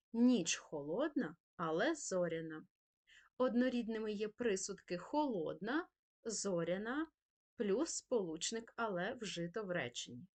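Slow-spoken woman teacher reading a lesson. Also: fairly high pitch. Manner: slow, careful dictation-like delivery of examples. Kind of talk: scripted grammar lesson narration.

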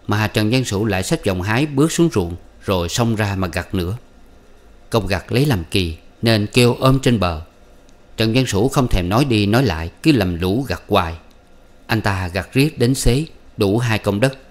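A man reading a classic novel aloud as an audiobook narrator, in steady, even storytelling. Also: fairly low pitch. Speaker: audiobook reader.

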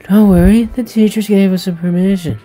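Guy doing a soft polite bookworm girl, gentle and a little higher. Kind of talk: reading a visual novel aloud.

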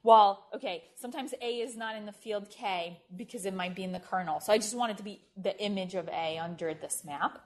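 A woman delivers a university math lecture at a board in a lecture room, speaking briskly in a mid-range voice with few pauses. Her style is informal, and she often checks in with "right?" while correcting herself as she writes.

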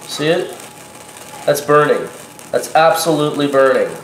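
A man in his thirties with a head cold speaks a little slowly, his fairly bright voice on the high side with lively intonation, as he indignantly warns viewers in a casual home vlog. The kitchen echoes with faint noise, recorded by a camera mic at short range.

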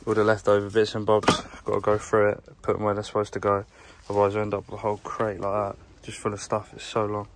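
A young plumber vlogger with a low, gravelly voice rambles fast and flatly, barely pausing, while sorting his work van. He films himself on a handheld phone in a chatty, low-key way, inside the van and outdoors nearby, with background noise audible.

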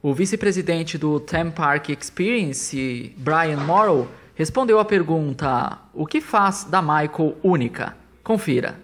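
A man's voice: a little high, expressive, slow, fairly bright tone. A Brazilian man reading a scripted promotional news narration as the reporter.

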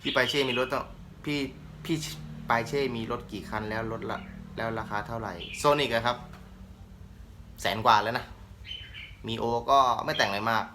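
A young man from Thailand with a slight northern Thai accent, a channel host casually answering viewers' questions in a relaxed, joking way. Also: mid-range voice, normal speed, pauses often, noisy background. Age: young adult. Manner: relaxed, joking, laid-back. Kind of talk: casual Q&A chat.

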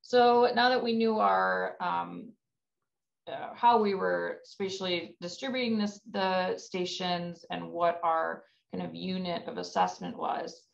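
A woman's voice: on the low side, fairly even intonation, slow pace, vocal fry. A woman researcher giving a conference presentation over a video call, explaining step by step with frequent ums and self-corrections. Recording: dull lo-fi webinar audio.

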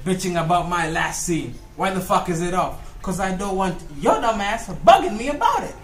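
Animated man arguing with himself, echoey room. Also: sits high, normal speed. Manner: argumentative, sweary, back-and-forth as if arguing with himself. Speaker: comedy skit performer. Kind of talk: comic monologue arguing with himself as two sides.

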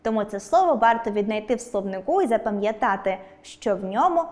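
A woman teacher giving a scripted online lesson, speaking clearly and stressing each example word. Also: medium pitch, expressive, a little fast, a little mellow. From Ukraine.

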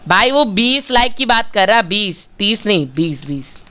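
A man's voice: high voice, big pitch swings, moderate pace, noisy background. A male gaming channel host giving chatty, casual commentary while he plays, talking straight to his viewers and bargaining with them for likes.

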